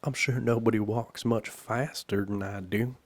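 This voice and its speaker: A man voicing a sullen, excitable royal messenger in a storybook, with a loud, blurting manner. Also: on the high side, moderate pace, creaky, pitched above the performer's own voice, heavily acted.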